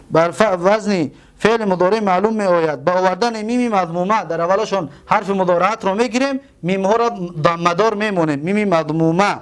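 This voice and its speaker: A man with a Tajik accent teaching a grammar lesson, repeating terms slowly and asking and answering his own questions. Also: high voice, clear, resonant tone. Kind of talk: classroom lesson.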